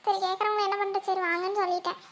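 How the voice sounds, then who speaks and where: A woman in a family comedy skit, talking in a lively, chatty way. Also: very high-pitched, very fast, background noise.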